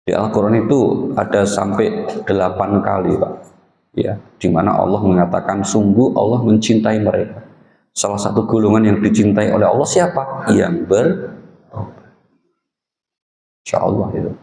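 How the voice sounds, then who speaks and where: A low, gravelly male preacher with an Indonesian accent gives a dawn sermon. He talks to the congregation in a folksy, joking way. His voice rings through a mosque hall with a long echo. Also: moderate pace, pauses often, dark tone. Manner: addresses listeners as "Pak", folksy humor. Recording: echoey hall with long reverb.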